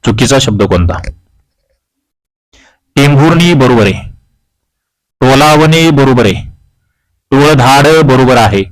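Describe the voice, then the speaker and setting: Here a Maharashtrian exam-prep teacher works through a quiz, voicing every question with its choices and then walking through the solution. He speaks slowly with lively intonation, pausing often, in a mid-range voice over a rough recording.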